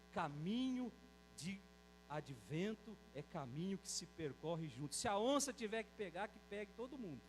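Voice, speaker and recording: Brazilian priest, homily, high-pitched male voice, drawn-out scripture readings, light hum on the line. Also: rough recording. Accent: Brazilian Portuguese. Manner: slows down to read scripture aloud, tells folksy jokes. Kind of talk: Sunday homily.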